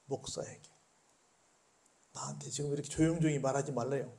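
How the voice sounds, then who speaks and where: An older man, a pastor, preaching a sermon, moving from quiet talk to loud shouting with many rhetorical questions. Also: medium pitch, steady tone, brisk, creaky, background noise. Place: church.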